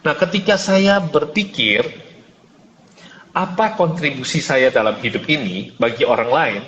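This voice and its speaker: A man's voice: mid-range voice, measured pace, fairly bright tone. A man hosting an online mentoring session, greeting joiners by name and giving an earnest motivational talk, his voice carrying a heavy cathedral-like echo. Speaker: host and business mentor. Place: closed room. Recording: echoey hall with long reverb, faint hiss.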